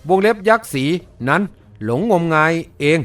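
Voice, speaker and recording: A man voicing a hot-tempered, hard-drinking male swordsman in an audiobook, loud and blustering. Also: a little high, sing-song, normal speed, soft background music. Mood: scoffing. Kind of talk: audiobook character voice.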